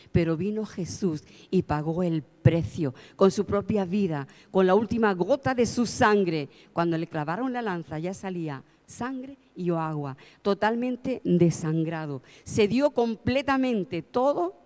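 A woman's voice: fairly low pitch, dark tone. A woman from preaching a sermon, telling stories heartfelt and pressing her points with emphasis. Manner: heartfelt, storytelling, rising to emphatic. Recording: long hall reverb.

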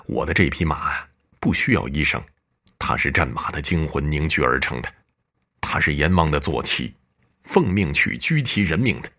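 A man's voice: very deep voice, expressive, normal speed, bright, forceful tone, heavily acted. Man doing a cold underworld ghost general. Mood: cold, commanding.

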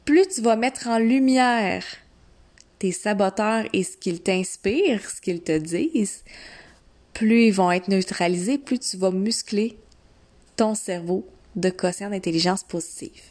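Slow-paced Quebec woman coaching one listener. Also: medium pitch, a little mellow. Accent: Quebec French. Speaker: mindset coach. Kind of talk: instructional coaching talk, addressing one listener informally.

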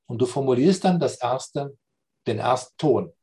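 A man explaining spiritual and philosophical ideas in a slow, reflective conversation, often checking understanding with "ja?". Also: medium pitch, lively intonation, dark tone.

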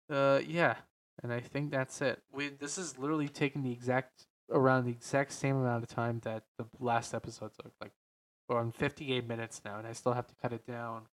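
A man with a deep, slightly nasal, stuffed-up voice hosts a podcast. He talks casually and off the cuff, often hesitating and rewording himself as he rambles along. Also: rough recording. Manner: hesitant, rambling, self-correcting, frequent "like". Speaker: podcast host. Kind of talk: casual unscripted podcast talk about games and films.

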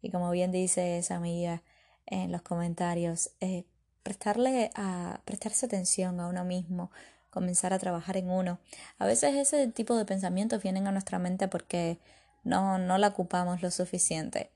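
Gravelly-voiced woman hosting. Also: on the low side, normal speed. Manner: chatty, tells jokes, animated voice. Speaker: podcast host. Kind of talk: casual advice talk with listener comments.

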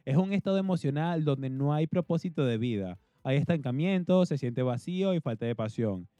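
A man with a Venezuelan accent, co-hosting a podcast, energetic and talkative in casual chat. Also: fairly high pitch, moderate pace, dry recording. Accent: Venezuelan Spanish. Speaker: podcast co-host.

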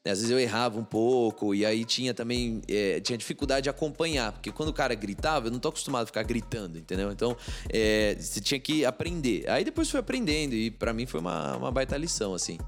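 A man's voice: mid-range voice, expressive, fast, hardly any pauses, faint music behind. A man with a Brazilian Portuguese accent, a church interpreter, talking in an easygoing, laid-back way, full of fillers. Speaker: church interpreter and ministry leader. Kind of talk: casual podcast conversation.

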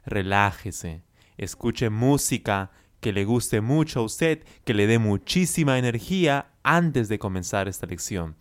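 Male Spanish coach, unhurried and crisp, patient and encouraging. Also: on the low side, animated. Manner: slow, carefully enunciated teaching with encouraging praise. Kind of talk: language lesson with repeat-after-me drills.

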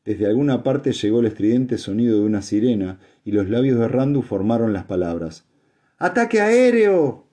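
A man narrating an audiobook in a steady, even reading voice. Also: fairly low pitch, a little fast, few pauses.

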